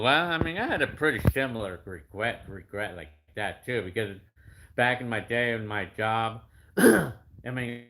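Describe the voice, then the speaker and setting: With a lowish, sharp-toned voice, a fifty-year-old man responds to his YouTube viewers' comments, reading them out and rambling casually with many fillers and restarts.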